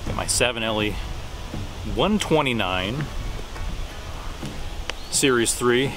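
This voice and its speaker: Male vlogger, forties, medium pitch, unscripted outdoor chat, halting delivery, thinks aloud, camera at arm's length. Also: lively intonation, noisy background. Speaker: pipe-smoking vlogger. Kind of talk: casual rambling chat to camera. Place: outdoors in the woods by a creek. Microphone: camera at about arm's length.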